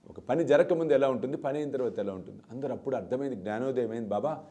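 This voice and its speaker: Male spiritual teacher for a televised discourse, relaxed warm voice, storyteller who acts out the characters. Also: medium pitch, very fast. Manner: dramatic storytelling, acts out voices, emphatic repetition.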